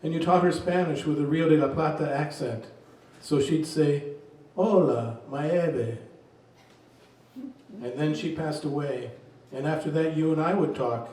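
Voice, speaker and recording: A man reading his poems aloud at a reading event, in a slow, measured voice. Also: fairly high pitch, fairly even intonation, darkish tone. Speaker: poet reading his work. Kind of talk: poetry reading. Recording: very echoey room, distant mic.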